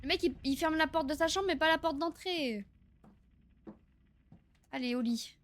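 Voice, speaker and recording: A young woman streaming a horror game live, excitable, swearing and laughing as she chats with her viewers. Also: high-pitched, normal speed. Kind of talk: live gameplay commentary.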